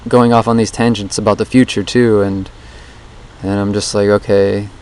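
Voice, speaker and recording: A man with a fairly low, darkish voice delivers a flat, moderately paced audio diary for his daily challenge vlog. It's casual, rambling and introspective, recorded outdoors under a bridge. The handheld dictaphone picks up background noise.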